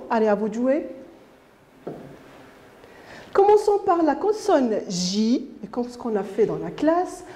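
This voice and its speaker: A woman teacher leads young children through a reading lesson, sounding out letters and words. She speaks slowly and with careful articulation. Her voice is mellow and fairly high, and its pitch rises and falls a lot as she cheers the children on. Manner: encouraging, slow and clearly articulated. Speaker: primary school teacher.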